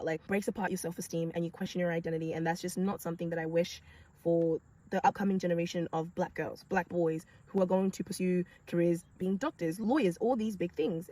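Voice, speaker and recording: A young woman, a nurse, telling a personal story to camera in an animated way, with sudden high exclamations.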